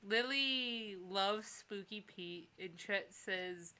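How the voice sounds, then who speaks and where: A woman's voice: medium pitch, takes it slowly, bright, forceful tone, clean tone, poor audio. A woman streaming a game, chatting casually and reading aloud. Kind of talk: casual playthrough chat and read-aloud.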